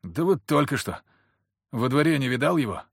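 A man's voice: mid-range voice, animated, normal speed, gravelly, slightly rough, no room sound, studio quality, pitched above the performer's own voice. A man voicing an older, rattled shopkeeper who speaks in folksy, grumbling phrases.

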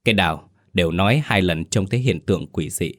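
A man's voice: low-pitched, fairly quick. A man voicing an elderly village mother in a ghost story audiobook, stammering and wailing in a raised voice. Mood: firm.

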